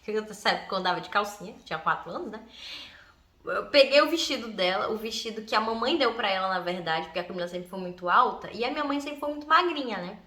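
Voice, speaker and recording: A woman's voice: medium pitch, expressive, fast talker, bright, forceful tone. A young woman vlogger animatedly telling a childhood story, laughing often and acting out her relatives' voices. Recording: echoey room.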